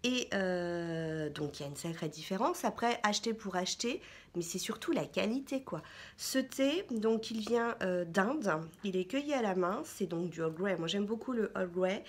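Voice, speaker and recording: A woman's voice: medium pitch, animated, moderate pace, slightly rough. Chatty woman rambling through a haul. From France. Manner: chatty, rambling, many fillers. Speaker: vlogger. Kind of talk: casual shopping haul chat.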